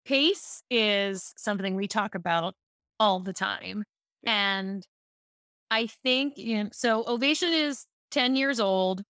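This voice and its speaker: A middle-aged woman coach in a podcast interview, high-energy and fast in bursts, with restarts. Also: fairly bright tone, clear, resonant tone, no echo, studio quality. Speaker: speaking coach guest.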